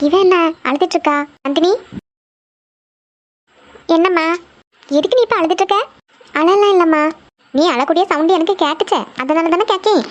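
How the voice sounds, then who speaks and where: A woman's voice: very high voice, moderate pace, pauses often, lo-fi sound, faint music behind. A woman voicing a strict middle-aged mother, scolding and lecturing her daughter.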